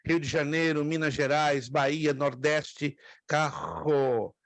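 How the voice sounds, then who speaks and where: A man's voice: a little high, measured pace, no echo. A man from Brazil teaching a class on biblical Greek, patiently repeating words and asking students questions. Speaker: theology teacher. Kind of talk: classroom lecture.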